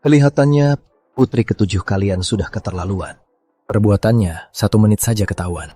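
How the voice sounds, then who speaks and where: Casting: low, husky, dark-toned smug young master. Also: male voice, brisk, soft background music. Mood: taunting. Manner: smug and taunting. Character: sly, mocking young master. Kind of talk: dubbed drama acting.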